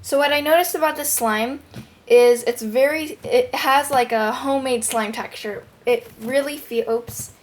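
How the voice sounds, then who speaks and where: A young woman giving a casual, excited product review as a show host, recorded at home through a headphone microphone. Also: sits high, a little slow. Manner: excited, gushing. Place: bedroom at home. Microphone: headphones used as microphone. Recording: headphone mic with clear background noise.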